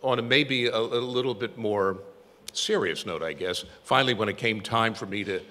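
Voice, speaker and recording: Older male speaker at a tribute, wry anecdotal storyteller, forceful lowish voice, reverberant hall sound. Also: normal speed. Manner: storytelling, self-deprecating humor. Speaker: tribute speaker, former newsroom copy boy. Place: event hall. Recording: echoey hall with long reverb.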